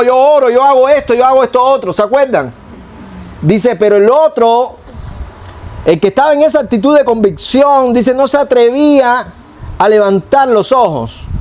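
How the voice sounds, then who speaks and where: A man preaching a sermon as pastor, acting out prayers with a low hushed voice and boastful ones higher. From Cuba.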